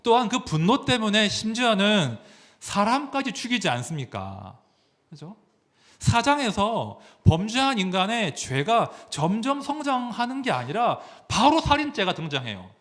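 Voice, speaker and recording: A man's voice: high voice, big pitch swings, a little slow, a bit bright. A man, a pastor, preaching a sermon, asking the congregation questions as he goes.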